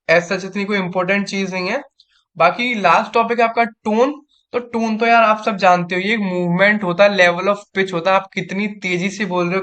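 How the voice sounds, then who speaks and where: A young man gives a casual exam-prep lecture, chatty and acting out angry and gentle example lines. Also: sits high. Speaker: tutor for engineering exams.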